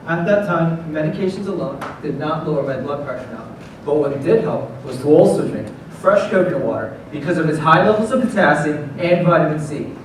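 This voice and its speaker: A distant, noisy hall recording carries a young man's voice, a little high in pitch. He delivers a confident startup pitch as a founder. His phrasing is emphatic and rehearsed, stated in clear declarations. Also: fairly quick. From South Florida, US. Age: young adult. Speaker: student founder pitching to judges. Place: large room at a pitch competition. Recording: echoey hall, distant mic, clear noise.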